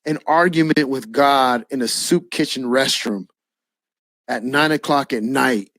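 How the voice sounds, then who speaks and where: A man preaching his own testimony as a lively storyteller, acting out the dialogue and dropping a casual "man" now and then. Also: mid-range voice, measured pace, no echo, studio quality. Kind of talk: spoken personal testimony.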